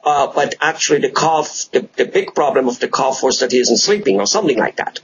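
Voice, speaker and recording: A man's voice: medium pitch, lively intonation, fairly quick. Talk show host man, rambling anecdotes, muffled sound, faint hiss. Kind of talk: casual chat. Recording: slightly dull audio with faint noise.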